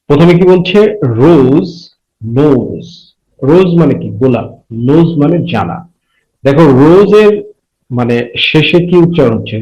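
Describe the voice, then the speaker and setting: Man teaching English, slow and repetitive. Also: fairly high pitch, mellow, lo-fi sound. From Bangladesh. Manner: repeats phrases slowly and translates line by line. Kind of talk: bilingual classroom lesson.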